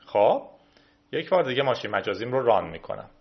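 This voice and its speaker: A man's voice: medium pitch, expressive, gravelly, slightly rough, dull audio. A man hosting a casual screen-recorded tech tutorial, chatting through each step as he clicks through menus. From Iran. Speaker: tech video host.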